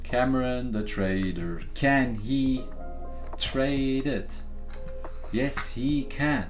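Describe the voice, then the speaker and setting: A man's voice: mid-range voice, extremely slow, faint music behind. A young man from Africa, hosting a live trading stream in an upbeat, chatty way and talking straight to his viewers. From South Africa. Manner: upbeat and chatty, talks straight to viewers, calls them guys and bro. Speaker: livestream trading host. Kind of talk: casual live-stream chat.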